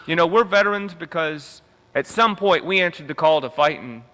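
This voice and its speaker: A man's voice: fairly high pitch, moderate pace, sharp tone. A young man giving an emphatic convention speech with a repetitive rallying cadence, as a union veterans leader. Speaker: union veterans council director. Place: convention hall. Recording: echoey hall reverb.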